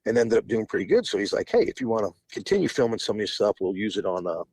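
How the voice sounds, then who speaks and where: A podcast guest in his forties tells long stories in a casual interview, rambling, restarting often, and laughing between phrases. His voice is on the low side and a little mellow, quick-paced with big pitch swings, recorded without echo.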